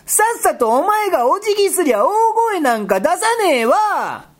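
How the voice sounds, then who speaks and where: A woman playing a gruff, scolding rabbit guy. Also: extremely high pitch, sing-song, moderate pace. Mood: scolding, exasperated. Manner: rough boyish speech, scolding retorts. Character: gruff bossy rabbit guy, exasperated straight man. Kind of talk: comedy skit voice acting.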